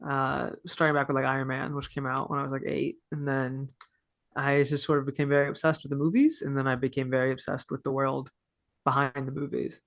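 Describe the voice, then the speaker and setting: A Texan man in his early twenties answers podcast questions in a casual interview chat, thoughtful and earnest with a few fillers. His medium-pitched voice is level, brisk, a bit bright with vocal fry, and carries no echo.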